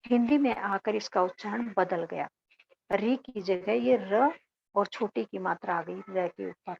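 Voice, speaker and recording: Slow, gravelly Hindi teacher, woman. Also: mid-range voice. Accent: Haryanvi-tinged Hindi. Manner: explains step by step, asks and answers own questions. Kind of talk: classroom grammar lesson. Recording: dull lo-fi recording.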